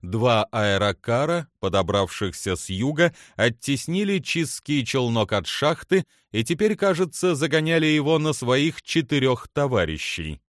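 A man reading a science fiction audiobook in an expressive, animated narration. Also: mid-range voice, measured pace, few pauses, no echo, studio quality. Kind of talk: scripted narration.

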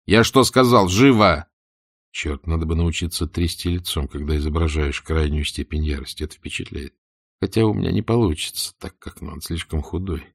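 A man with a very low voice reads a novel aloud, steady and unhurried. The recording is close and dry, with no room sound around him. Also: creaky, breathy edge, no room sound. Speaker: audiobook reader. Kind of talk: audiobook narration.

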